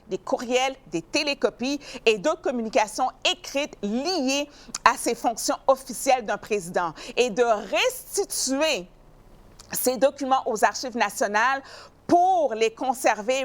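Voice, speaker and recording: Woman, show host, news commentary, emphatic, animated, stumbles on words, slightly high voice. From not from Canada.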